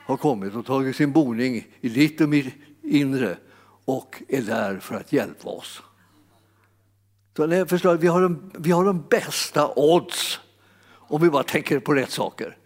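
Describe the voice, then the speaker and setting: En manlig predikant med ganska ljus röst, som talar trevande, tar om ord och ibland brister ut i höga utrop, i en stor sal med lång efterklang. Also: male voice, on the high side, a little mellow. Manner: halting, repeats words, rises to exclamations. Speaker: preacher. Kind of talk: sermon. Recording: long hall reverb.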